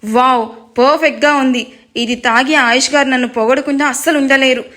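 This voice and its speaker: A woman's voice: high voice, fairly even intonation, a little fast, fairly bright tone. A woman storyteller voicing a sleepy young wife who grumbles under her breath and sweet-talks her husband. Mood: cheerful. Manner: sulky, muttering complaints, then sweetly pleading.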